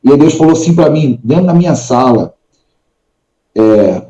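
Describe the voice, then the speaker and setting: Brazilian man, podcast guest, earnest testimony, mellow tone, dull lo-fi recording. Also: medium pitch, expressive, moderate pace, roomy sound. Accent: Brazilian Portuguese. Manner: earnest, acts out dialogue in the story. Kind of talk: personal faith testimony. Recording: dull lo-fi sound.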